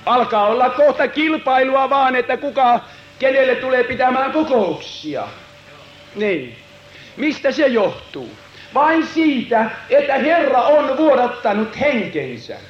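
A man preaching a dramatic revival sermon, swinging from loud proclamation to hushed retelling. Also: very high-pitched, sing-song, a little hiss or hum. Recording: roomy, dull lo-fi hall recording.

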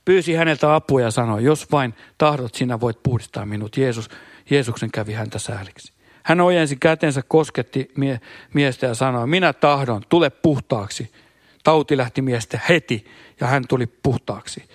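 A man's voice: mid-range voice, no echo, studio quality. A man reading scripture aloud as a preacher, with occasional stumbles and hallelujahs slipped in between verses. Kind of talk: scripture reading with spontaneous comments.

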